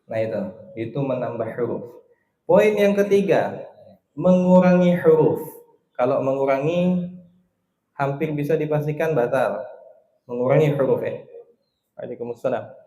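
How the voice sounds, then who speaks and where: A middle-aged male religious teacher giving a casual study lesson, talking conversationally and drawing out recited verses slowly as examples. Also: mid-range voice, warm tone, roomy sound.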